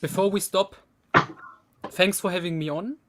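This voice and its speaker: A man's voice: sits high, fairly even intonation, moderate pace. A man from Germany with a German accent, a native German speaker, chatting as a guest on a casual group video call with blunt, joking remarks. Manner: blunt, joking about swearing.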